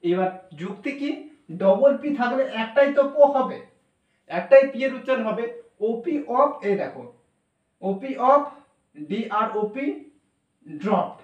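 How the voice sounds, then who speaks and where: High-voiced man teaching in an echoey room. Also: animated, a little slow, long pauses, distant mic, narrow, tinny audio. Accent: Bengali. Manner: explains step by step, spells words letter by letter with fillers. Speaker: English teacher. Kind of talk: classroom lesson on spelling and pronunciation. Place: classroom.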